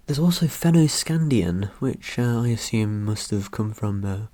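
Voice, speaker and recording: A man's voice: lowish voice, expressive, a little slow, warm tone. A young man chatting casually about his ancestry results, rambling and joking with lots of ums and uhs. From Britain. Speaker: vlogger. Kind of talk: casual commentary over results.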